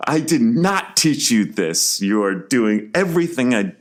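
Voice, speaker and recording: A man's voice: mid-range voice, big pitch swings, unhurried, voice pushed up. A man voicing the stern, disapproving inner voice of society as he tells a story. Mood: scolding. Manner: scolding, disapproving.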